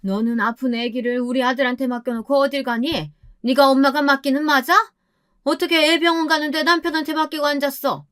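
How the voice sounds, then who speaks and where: A woman putting on a shrill bossy old mother-in-law. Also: fairly even intonation, a little fast, a bit bright. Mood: scolding. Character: pushy, scheming older mother-in-law.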